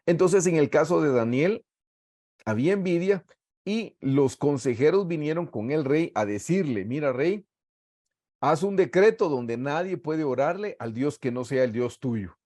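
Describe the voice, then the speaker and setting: A middle-aged man with a Guatemalan accent leads a Bible study as a sermon over a video call. His voice is warm and mellow. He reads scripture passages and then explains them earnestly to the congregation. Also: a little high, expressive, measured pace. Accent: Guatemalan Spanish. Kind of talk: sermon-style Bible teaching.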